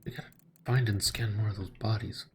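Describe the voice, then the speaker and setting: Low-voiced male streamer thinking aloud. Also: fairly even intonation, a little fast, a little mellow, a little hiss or hum. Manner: laid-back, thinking aloud. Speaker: streamer playing a video game. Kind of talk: casual gameplay commentary.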